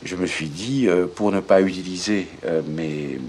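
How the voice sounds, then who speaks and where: An older man from southwest France being interviewed, talking reflectively and haltingly, restarting his sentences as he thinks aloud. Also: low voice, darkish tone, slight background noise.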